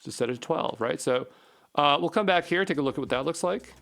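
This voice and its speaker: A programming instructor gives an unscripted coding walkthrough, thinking aloud and muttering short repeated phrases as he works through problems. His voice is on the high side, animated and fairly quick, with a creaky quality and a fairly bright tone.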